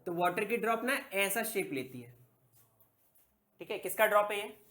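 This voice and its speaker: A man's voice: high voice, lively intonation, moderate pace, a bit bright. Man teaching physics, quizzing his class. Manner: poses questions and answers them himself, repeats key words. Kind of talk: classroom lecture.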